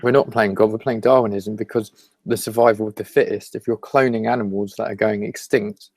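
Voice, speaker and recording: A man with a lowish voice co-hosts a casual podcast. He jokes, laughs a lot and rambles through half-finished ideas. The sound is dry and close, with no room around it. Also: steady tone, a little fast, a little mellow, dry recording. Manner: jokey, laughs often, rambling restarts. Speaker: podcast co-host. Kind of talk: casual chat. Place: at home while eating.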